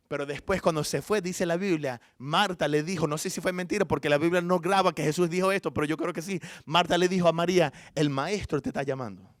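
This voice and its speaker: A man preaching a sermon as pastor. He tells the story with animation, swings between hushed and loud passages, and adds informal asides and self-corrections. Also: a little high, no room sound, studio quality.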